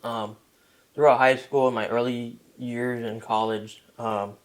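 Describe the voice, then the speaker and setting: A man's voice: medium pitch, flat delivery, measured pace. A young man, talking casually as a podcast guest, rambling with restarts and fillers. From Taiwan.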